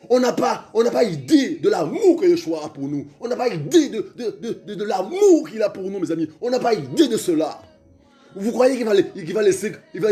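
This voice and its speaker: Male preacher, high voice, fervent and repetitive, faint music behind. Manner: fervent, repetitive, calls out to listeners, stammers, shouts at times.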